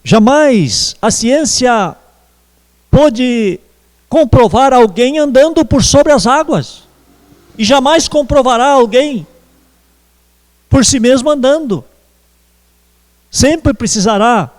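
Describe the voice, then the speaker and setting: A man preaching a sermon as pastor, slow and measured with pauses. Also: very high voice, animated, a little mellow, big-room sound. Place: church.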